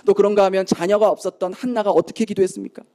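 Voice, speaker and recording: A male pastor delivers an emphatic sermon, acting out pleading prayers in his own voice. His voice sits fairly high but sounds mellow and soft-edged. He presses the congregation with rhetorical questions. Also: steady tone, rapid-fire. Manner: emphatic preaching with dramatic acted quotes.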